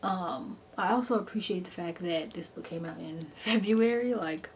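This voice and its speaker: A woman with a fairly low voice talks at a normal speed, gushing about a book in a chatty, informal review. She's enthusiastic and stresses words by repeating them. There's noticeable background noise in the recording.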